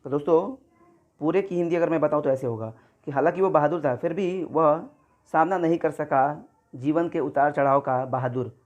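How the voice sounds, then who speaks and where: A man's voice: fairly high pitch, normal speed, darkish tone. A male teacher giving an exam-prep grammar lesson, explaining each question step by step and often addressing his viewers as friends.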